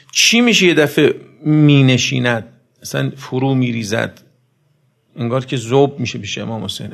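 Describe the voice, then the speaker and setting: A man preaching a sermon, swinging between loud emphatic outbursts and soft low passages, and asking his listeners questions directly. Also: vocal fry. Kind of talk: religious sermon.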